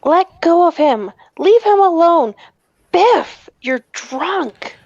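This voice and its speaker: A frightened teenage girl pleads in a shrill, squeaking falsetto, as a man puts her on. The voice sits very high and each line crawls out slowly and deliberately. The sound is close and dry, with a dull, muffled top end. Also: animated, darkish tone, no room sound, heavily acted. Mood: pleading.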